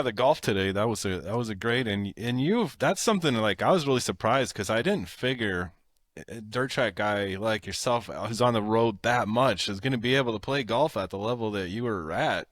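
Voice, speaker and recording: A man hosting a casual sit-down chat, halting and repeating words as he finds them. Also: fairly low pitch, animated, dry recording, studio quality. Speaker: host.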